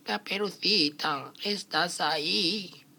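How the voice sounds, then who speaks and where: A man voicing a storybook wolf who fakes a frail old grandmother, with feeble, coaxing, drawn-out words. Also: high voice, gravelly, pushed and bright, a little hiss or hum, voice pushed up, heavily acted. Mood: feigned weakness.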